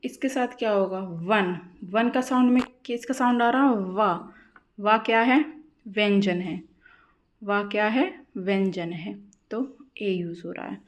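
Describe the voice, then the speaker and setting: A woman teaching an English grammar lesson for exam students, asking questions and answering them herself, repeating key words slowly. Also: medium pitch. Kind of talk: classroom-style lesson explaining grammar.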